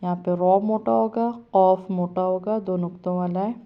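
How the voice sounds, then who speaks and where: Woman teacher with a Pakistani Urdu accent, smooth voice, chants each syllable, dull home recording. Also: fairly low pitch, fairly even intonation. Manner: chants letter sounds slowly, then explains rules quickly. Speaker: Quran reading teacher. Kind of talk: step-by-step spelling lesson.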